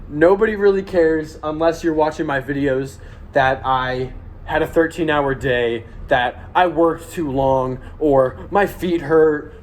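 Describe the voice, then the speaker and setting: A man's voice: a little high, slight background noise. A young man giving an earnest, blunt, swear-heavy motivational monologue to viewers while walking on a treadmill. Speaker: vlogger.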